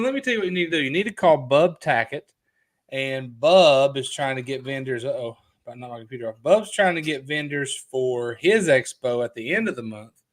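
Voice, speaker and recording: A talkative man hosting a live show, chatting loosely at a middling pitch. He reads comments aloud and hops from one topic to the next in an unscripted, everyday way. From Kentucky. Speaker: livestream host. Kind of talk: casual live chat.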